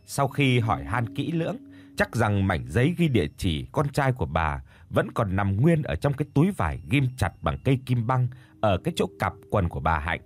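A man narrating a ghost story in an expressive, unhurried manner. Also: fairly low pitch.

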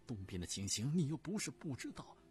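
A man voicing an anxious princess consort who pleads urgently with her husband in a high voice. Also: very animated, brisk, darkish tone, soft background music, lightly acted. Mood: pleading.

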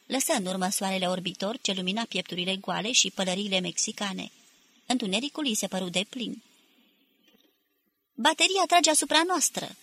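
A woman narrating a novel as an audiobook, reading evenly and deliberately. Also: medium pitch, sharp tone. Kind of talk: scripted literary narration.

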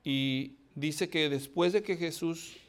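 High-voiced preacher giving a dramatic sermon. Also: male voice, takes it slowly. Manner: dramatic, acts out scripture quotes, rhetorical questions to the congregation. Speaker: pastor.

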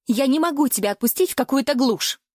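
A woman's voice: high-pitched, animated, quick pace, a little mellow, no echo, studio quality, voice pushed up. A woman voicing an anxious, overprotective middle-aged mother who scolds her daughter in an audiobook. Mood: scolding.

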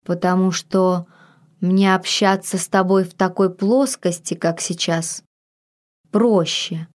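A seductive, possessive man speaks in a low, husky voice, as a woman reading an audiobook puts him on. He talks slowly and quietly, drawing out each phrase. It sounds like a storybook romance. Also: fairly even intonation. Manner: slow, hushed, drawn-out speech.

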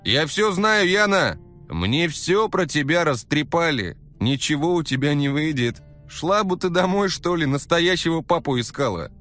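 A man reading a story aloud, voicing a cocky young man who poses as a creepy maniac and talks in quiet, menacing, whispery tones with sinister chuckles. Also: very deep voice, takes it slowly, slightly rough, soft background music, voice pushed down, full character voice. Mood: scolding.

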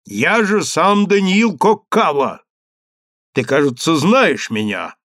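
A man voicing a stern, commanding man who speaks firmly and loudly. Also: on the high side, very animated, slow pace, dry recording, studio quality, pitched above the performer's own voice, heavily acted. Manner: firm and loud. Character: stern, commanding man confronting his accusers.

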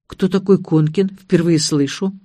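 A woman's voice: fairly even intonation, a little slow, dark tone, no echo, clean studio sound. A woman voicing a cowardly, evasive middle-aged businessman who whines and shrieks in panic, in an audiobook. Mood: feigning innocence. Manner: whiny, evasive, shrill when panicking.

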